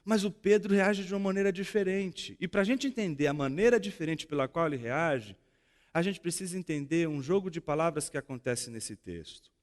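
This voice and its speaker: A man with a Brazilian Portuguese accent preaching a sermon in a church, swinging dramatically between loud emphasis and hushed tones. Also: on the high side, fairly quick. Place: church sanctuary. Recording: echoey church hall.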